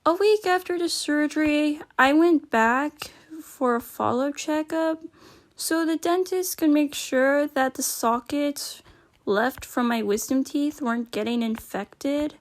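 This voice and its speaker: Slow-talking woman telling a personal story. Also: high-pitched. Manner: rambling, informal, slangy. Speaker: storyteller recounting a personal experience.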